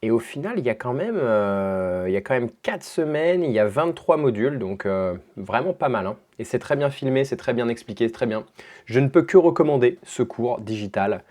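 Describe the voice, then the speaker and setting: A man's voice: medium pitch, animated, moderate pace, darkish tone. A young French man talking casually to his camera in a home vlog, chatty, with restarts and fillers. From France. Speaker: vlogger and language teacher.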